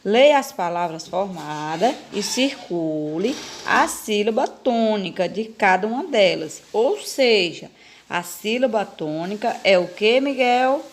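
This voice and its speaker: A woman's voice: medium pitch, lively intonation, slow pace, a little hiss or hum. A female primary school teacher with a Brazilian Portuguese accent, recording a lesson for young children. She talks patiently and coaxingly, asking questions and repeating key words.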